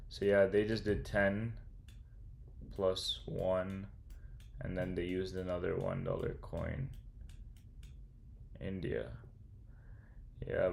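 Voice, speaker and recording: A young man who streams and studies computer science livestreams himself working through a coding problem, thinking aloud and chatting with viewers in a laid-back, slangy way. His deep, darkish voice has vocal fry, with slight background noise.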